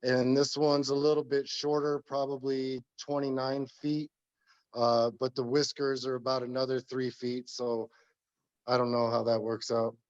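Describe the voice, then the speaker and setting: A man with a slightly hoarse voice, talking casually and haltingly as a tile installer walking someone through his work. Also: mid-range voice, flat delivery, dull audio. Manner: hesitant, halting. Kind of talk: casual informal walkthrough talk.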